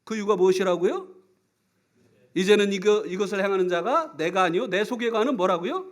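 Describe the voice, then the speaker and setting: A man preaching a sermon, telling stories with lively acted-out scenes, sudden shouts and frequent questions to the congregation. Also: sits high, brisk. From South Korea. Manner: animated storytelling, acts out scenes and shouts; asks the congregation for replies often.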